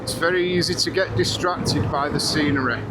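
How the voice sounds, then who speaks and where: A man's voice: a little high, fairly even intonation. A man giving a musing running commentary as he rides a motorcycle along an open mountain road, speaking through a helmet-mounted mic. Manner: musing, unhurried ride commentary. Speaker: motorcycle vlogger. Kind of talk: running commentary while riding. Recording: loud wind noise through helmet mic.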